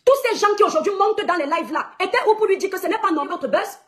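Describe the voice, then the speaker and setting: A woman with a very high voice speaks quickly in a heated live-stream rant. She scolds her rivals in an indignant, confrontational way and turns to her followers again and again.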